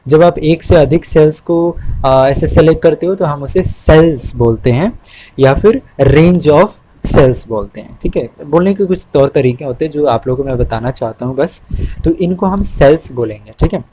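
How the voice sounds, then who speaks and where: A young man explaining spreadsheet basics on a screen recording. His voice is mellow and soft-edged, and he is patient and repetitive, pausing to check that the viewer follows. A faint hiss of noise sits under the recording. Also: fairly high pitch, low-quality recording. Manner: patient, repeats key terms, frequent "ठीक है" check-ins. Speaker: Excel instructor. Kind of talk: screen-recorded tutorial, mixing Hindi and English.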